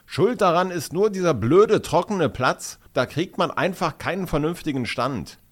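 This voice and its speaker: A man reading aloud, voicing a friendly, eager boy footballer with a lively, exclamatory way of talking. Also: medium pitch, normal speed. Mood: grumbling. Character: sporty schoolboy, eager and friendly.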